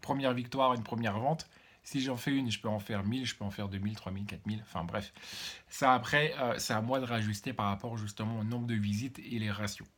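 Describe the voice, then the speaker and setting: A man speaking as a vlogger, explaining things informally to one listener in a hesitant, halting way with repeated words. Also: fairly low pitch, fairly even intonation, fairly bright tone. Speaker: vlogger giving online business advice.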